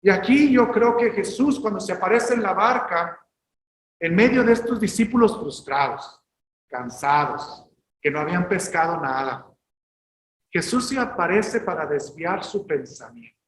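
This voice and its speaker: A male pastor preaching a sermon, emphatic and at times rising to shouted exhortations. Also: high-pitched, expressive, measured pace, echoey room, a little hiss or hum, low-quality recording.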